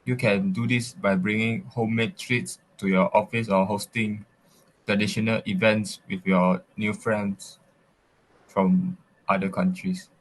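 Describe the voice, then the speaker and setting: A man with a fairly low voice gives interview answers that sound read from a script. His delivery is formal and recited, with full sentences and little hesitation. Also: flat delivery, a little slow, poor audio. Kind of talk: reading prepared answers.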